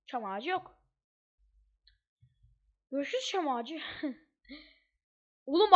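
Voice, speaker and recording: A woman's voice: sits high, a bit bright. A woman giving casual, chatty gameplay commentary as she plays, thinking aloud with slangy asides. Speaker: gamer. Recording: dull lo-fi mic.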